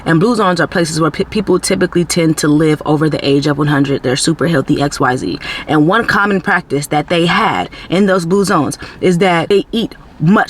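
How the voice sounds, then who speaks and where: A self-growth vlogger talks to camera in an earnest, faith-based, somewhat preachy motivational chat about self-improvement. His voice is a little high for a man, his style loose and conversational, heavy on "like" and "you know," with faint background hiss underneath.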